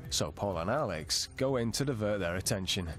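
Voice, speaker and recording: A man's voice: fairly low pitch, animated, moderate pace, fairly bright tone, soft background music. A man reading scripted TV narration in a dramatic, suspense-building way.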